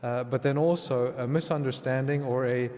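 A man speaking as a priest in church, reading scripture and preaching in a measured, reflective manner. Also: medium pitch, steady tone, darkish tone. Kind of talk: Gospel reading and homily. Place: large reverberant church indoors. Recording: long cathedral-like echo, reverberant church hall.

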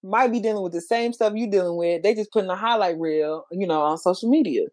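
A woman's voice: mid-range voice, fast, dry recording. A woman hosting a podcast who chats casually and keeps affirming her guest with short supportive replies. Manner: affirming, relaxed, frequent supportive backchannels. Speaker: podcast host. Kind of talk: casual conversation.

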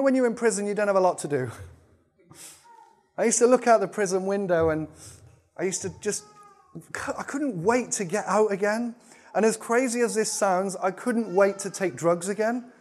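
A man preaching a sermon, sharing his testimony and praying, moving between loud emphatic bursts and quiet, intense moments. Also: high-pitched.

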